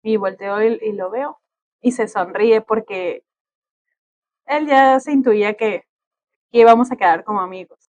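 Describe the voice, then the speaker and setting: A woman's voice: medium pitch, a little slow, pauses often, highs cut off. A young woman, telling a personal story in casual conversation and acting out what other people said. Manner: animated, acts out quoted voices of others.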